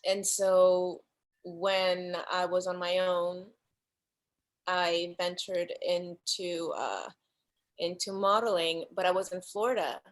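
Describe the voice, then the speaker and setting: A woman guest from the Dominican Republic, chatting casually about her life in an interview over a video call, animated and often laughing. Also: on the low side, takes it slowly, rough recording. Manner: animated storyteller, laughs often, acts out voices. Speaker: guest actress.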